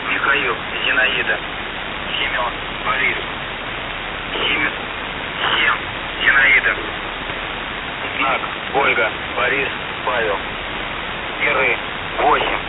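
A man over a radio, slowly spelling out letters and numbers as an operator. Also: medium pitch. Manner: slow, even dictation of letters and numbers. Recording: tinny radio with loud hiss.

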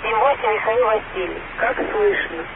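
A man spells out a coded message over a radio, running through it again and again. The line is thin and phone-like, with a clear hiss under it. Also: high voice, wildly swooping pitch, normal speed. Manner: repetitive call-sign spelling with phonetic names.

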